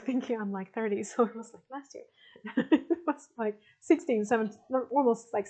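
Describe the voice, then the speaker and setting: A woman in her forties with a slightly high voice talks loosely to a group of participants. She often trails off and restarts, laughing softly now and then. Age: 40s. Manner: hesitant, many restarts and soft laughs. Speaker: spiritual teacher answering participant questions. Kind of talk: casual talk to an online group.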